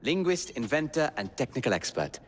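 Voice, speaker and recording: Guy acting a polite victorian gent, genial and measured, medium pitch, big reverb and noise, game scene. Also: very animated, lightly acted. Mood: courteous, concerned. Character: courteous, genial, well-connected Victorian gentleman. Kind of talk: video game cutscene acting. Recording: reverberant hall, clear noise.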